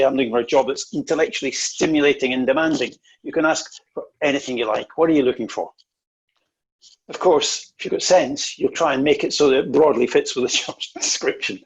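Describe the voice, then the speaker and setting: A man's voice: medium pitch, vocal fry, breathy edge, muffled recording. A man presenting an online interview-skills workshop, coaching in an emphatic way and often repeating words.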